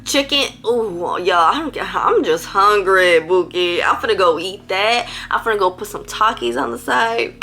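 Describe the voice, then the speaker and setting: A woman's voice: medium pitch, lively intonation, a little slow, creaky, few pauses, pushed and bright, soft background music. A teenage girl, giving school advice in a rambling, playful, chatty vlog. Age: teens. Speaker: vlogger.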